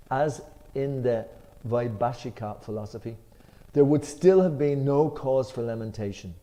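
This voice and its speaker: A man with an Irish accent leads a scripture discussion, reading a commentary aloud with emphasis before explaining it in a relaxed way, with a few fillers. His voice is medium in pitch.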